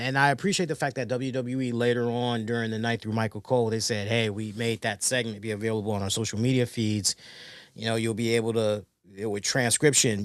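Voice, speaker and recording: A man giving a casual, excitable recap of a wrestling show, often stammering on restarts and swearing freely. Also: medium pitch, dry recording, studio quality.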